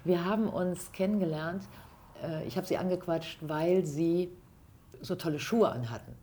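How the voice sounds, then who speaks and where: Chatty low-voiced woman hosting a podcast. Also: mellow. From Hesse. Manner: chatty, curious, quick follow-up questions. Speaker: podcast host. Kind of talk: casual interview. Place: guest's home.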